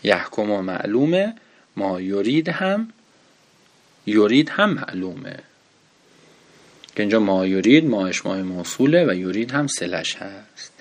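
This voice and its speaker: Lively low-voiced man teaching grammar. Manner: explains patiently, asks and answers his own questions, reads Arabic text slowly. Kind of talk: Arabic grammar lesson.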